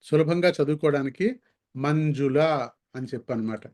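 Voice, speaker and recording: A man teaching a language lesson, slowly sounding out syllables and words to demonstrate pronunciation. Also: fairly high pitch. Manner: slow, careful demonstration of sounds. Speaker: Sanskrit teacher.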